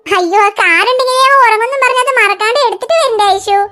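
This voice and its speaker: A woman's voice: extremely high pitch, fast talker, bright, forceful tone. A woman voicing a cheerful cartoon aunt. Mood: concerned. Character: kindly young aunt, cheerful and helpful. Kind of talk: cartoon dialogue.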